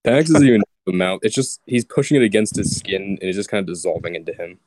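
A man's voice: deep voice, animated, quick pace, a little mellow, dry recording. A man player describing his character's actions in a matter-of-fact way on a voice call. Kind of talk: tabletop role-play over voice chat.

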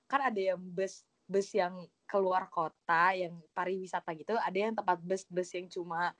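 A young woman telling a story in casual chat, animated and full of acted quotes. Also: on the low side, normal speed, no echo.

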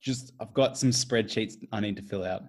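A man's voice: lowish voice, normal speed, darkish tone, natural voice. Man doing a defensive, grumbling husband. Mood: irritated. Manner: defensive, officious. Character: defensive mid-forties husband, then a fussy hotline caller. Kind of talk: improvised comedy sketch.

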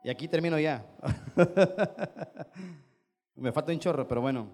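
A man's voice: on the high side, slow, a little mellow, soft background music. A man with a Mexican accent preaching a sermon as pastor, emphatic and repetitive, firing rhetorical questions at his listeners. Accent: Mexican Spanish. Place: standing before a congregation.

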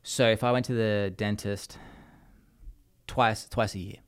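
A man with an Australian accent talks in a low, easygoing voice. He rambles through his points, restarting sentences as he goes. He tells stories casually, like a guest on a chat show. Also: unhurried, clean tone. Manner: rambling, restarts, lively storytelling. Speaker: podcast guest.

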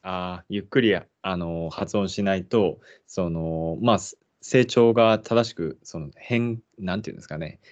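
A man hosting a language-learning podcast, reading sentences aloud at an unhurried pace and then chatting with many hesitant fillers. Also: low-pitched, a little mellow, muffled recording. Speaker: podcast host.

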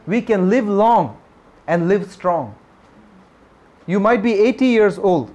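High-voiced man preaching a sermon. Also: lively intonation, slow, darkish tone. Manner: emphatic, repeats key phrases, reads scripture aloud; asks the congregation questions. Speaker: pastor.

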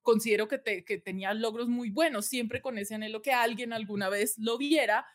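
A woman's voice: on the high side, a little fast. Earnest woman telling her story. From Colombia. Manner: earnest storytelling, often checks in with "¿sí?". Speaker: guest, communication and personal branding expert. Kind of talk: conversational podcast interview.

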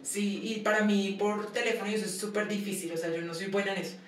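A woman's voice: medium pitch, level tone, quick pace. A young woman telling personal stories in a casual interview, acting out dialogue and laughing often. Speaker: guest. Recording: echoey room from far off, some noise.

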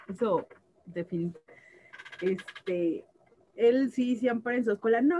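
A woman's voice: on the high side, dull audio, slight background noise. A woman, a tattoo artist chatting casually and acting out conversations as she tells stories. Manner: animated storyteller, acts out dialogue, laughs often. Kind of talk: casual chat.

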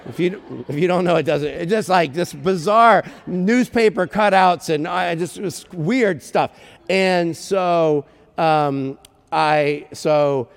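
A male pastor telling a story in a sermon, animated and self-deprecating. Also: fairly high pitch, takes it slowly, vocal fry. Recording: long reverb in a church hall.

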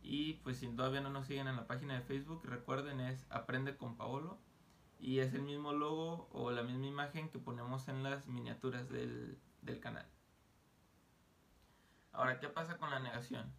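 A man teaching an online English lesson, explaining grammar casually and slowly sounding out English example phrases. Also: medium pitch, fairly even intonation, gravelly, fairly bright tone, a little hiss or hum. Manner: slow, deliberate modeling of English phrases; casual, joking asides.

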